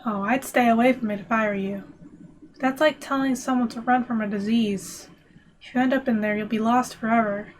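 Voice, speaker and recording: A woman reading a gruff man's warning. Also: a little high, steady tone, a little fast, slight background noise, close to an everyday voice. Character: gruff man sitting on train tracks, warning strangers.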